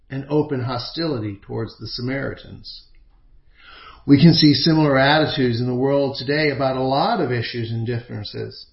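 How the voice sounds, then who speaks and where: Man preaching in an echoey room. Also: a little high. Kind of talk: sermon. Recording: echoey room, slightly dull sound.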